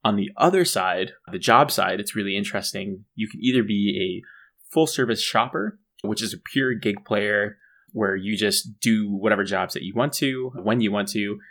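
Chatty low-voiced male co-host. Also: normal speed, a bit bright. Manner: chatty, restarts and fillers, laughs at own jokes. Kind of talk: casual podcast explainer.

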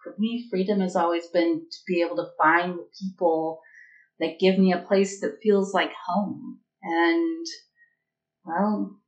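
A woman voicing a wry, warm adventurer with a roguish streak, talking in a gently teasing and reflective way. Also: fairly low pitch, fairly even intonation, unhurried, lo-fi sound, close to an everyday voice. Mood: earnest. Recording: echoey room.

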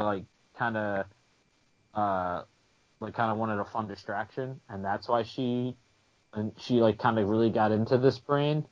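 A man co-hosting a TV podcast in casual chat, rambling with many restarts. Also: on the low side. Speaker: podcast co-host. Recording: muffled lo-fi audio.

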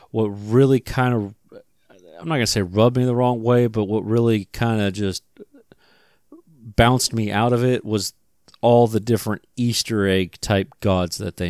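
A man's voice: lowish voice, darkish tone, clear, resonant tone, dry recording, clean studio sound. A man hosting a casual movie review chat, talking hesitantly and restarting his sentences often.

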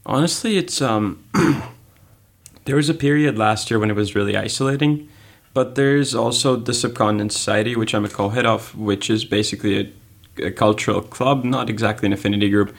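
A teenage student guest from Pakistan, a native Urdu speaker, answers interview questions thoughtfully and often searches for words. He speaks at a moderate pace in a fairly low voice.

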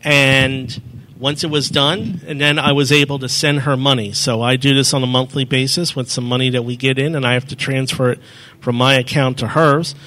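Poor audio captures a man's mid-range, sharp-toned voice with fairly even intonation at normal speed. He's presenting a live demo in a meeting room on a handheld mic, walking through each step, fielding audience questions and frequently correcting himself.

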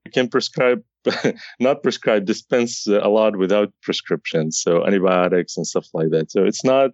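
Very deep-voiced man from Syria, dull sound. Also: darkish tone, dry recording. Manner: earnest, with frequent restarts. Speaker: guest, informatics pharmacist. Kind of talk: podcast interview.

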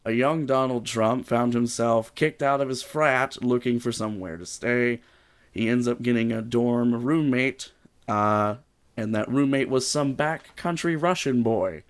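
A man's voice: medium pitch, a little slow, clean tone. A man co-hosting a comedy podcast, reading a silly story aloud with wry, sweary asides. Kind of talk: casual comedic read-aloud.

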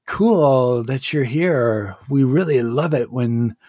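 A jittery young gothic servant of vampires, babbling and stalling through every sentence, as a man puts him on. He talks slowly and rambles, piling up filler words in a dry, close sound. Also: medium pitch, dark tone, dry recording. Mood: nervous.

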